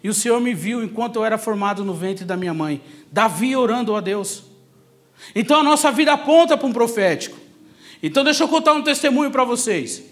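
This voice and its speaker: Brisk and lively in intonation, a man with a very high-pitched voice and a São Paulo Brazilian accent preaches by sharing personal testimony. He keeps it conversational but emphatic, repeating key phrases for effect.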